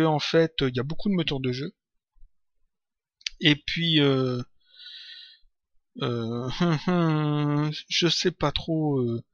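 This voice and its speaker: A man answering viewer questions in a casual software tutorial, talking hesitantly with many fillers and restarts. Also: on the high side, no room sound, highs cut off. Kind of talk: casual screen-recorded Q&A.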